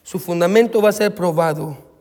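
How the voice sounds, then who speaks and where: A male pastor preaching a sermon to his congregation. He presses his points emphatically, then slows and softens while telling a personal story. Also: high-pitched. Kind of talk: Spanish-language sermon. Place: church sanctuary. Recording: long reverb of a large church hall.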